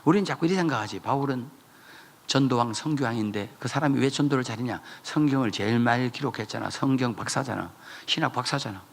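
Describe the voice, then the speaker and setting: A man preaching a revival sermon in a church, telling stories with sudden shouted high bursts. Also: fast talker, creaky. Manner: animated storytelling, jumping to shouted high bursts. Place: church sanctuary.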